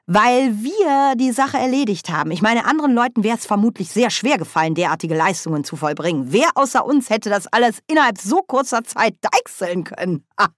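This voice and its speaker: A woman reading an audiobook, voicing a cheeky, boozy old witch woman with a loud, high, cackling voice. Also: lively intonation, brisk, few pauses, no room sound, clean studio sound, lightly acted. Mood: merry. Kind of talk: audiobook character voice.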